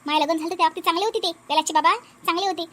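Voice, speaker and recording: A shrill, indignant elder sister-in-law from a family cartoon, played by a woman. She scolds, and her voice sits very high. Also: fairly even intonation, very fast, bright, forceful tone.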